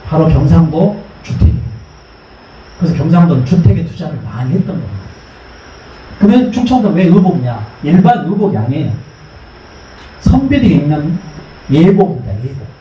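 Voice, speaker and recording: Recorded at a distance in an echoey hall with slight hiss or hum, a middle-aged man lectures on history in a warm, high-pitched voice. He asks the audience questions and gets them to say terms back.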